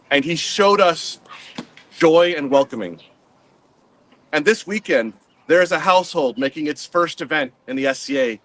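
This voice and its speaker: A man presiding as king at a medieval reenactment court, telling a story in an informal ceremonial speech with measured pauses. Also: on the high side, a bit bright.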